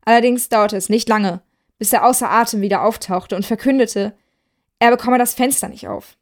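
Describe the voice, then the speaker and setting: Woman calmly reading a story. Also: a little high, moderate pace. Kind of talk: scripted story narration.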